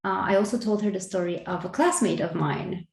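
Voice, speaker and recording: A woman's voice: lowish voice, brisk, creaky. A woman co-hosting a casual spiritual conversation, earnest, laughing lightly between phrases and restarting her sentences. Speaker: podcast co-host. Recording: roomy echo.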